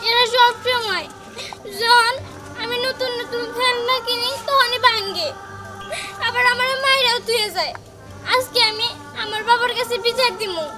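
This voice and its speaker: Young stepdaughter voiced by a woman, whiny, pleading, very high voice, music behind. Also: unhurried. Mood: plaintive. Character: young village girl, wronged and complaining stepdaughter. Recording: music playing under the voice.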